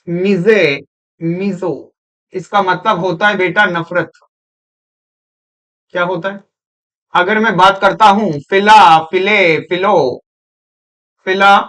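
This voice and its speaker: A man's voice: sits high, fairly bright tone. A man teaching an English grammar lesson, questioning and coaxing his students and repeating words. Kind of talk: classroom lecture.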